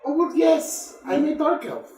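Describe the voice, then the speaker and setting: A man voicing a small, naive, childlike creature that gushes in a high, squeaky, breathless voice in a tabletop game. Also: very animated, measured pace, a little mellow, echoey room, distant mic, soft background music, full character voice. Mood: earnest. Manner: breathless, gushing.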